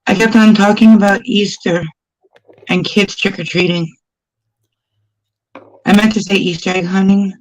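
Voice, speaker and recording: A woman's voice: mid-range voice, fairly even intonation, measured pace, pauses often, dry recording, rough recording. A woman in her forties chatting casually on a livestream, talkative and poking fun at herself. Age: 40s. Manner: talkative, self-deprecating.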